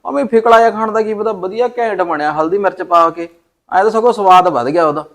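A man with a Punjabi accent acting a husband in a short film, calming his wife down. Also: high-pitched, fast talker. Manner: placating, easygoing.

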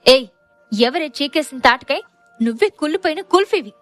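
A woman's voice: high voice, a little fast, faint music behind, lightly acted. Woman voicing a sarcastic young husband. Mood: grumbling. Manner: bantering, mock-exasperated.

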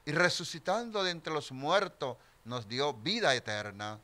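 A man's voice: a little high, expressive, unhurried, bright, forceful tone. A middle-aged man, a priest, celebrating mass in a small chapel with solemn liturgical delivery, speaking into a stand mic at the altar.

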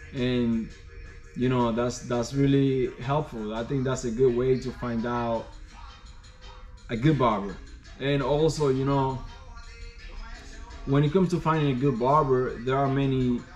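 A man's voice: mid-range voice, muffled recording. Man in his thirties giving casual barber tips. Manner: loose, repetitive, lots of "you know" fillers. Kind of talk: casual advice talk to camera. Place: empty barbershop, indoors.

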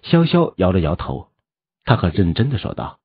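Low, husky male audiobook narrator. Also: moderate pace, no room sound, highs cut off. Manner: animated storytelling. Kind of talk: expressive novel narration.

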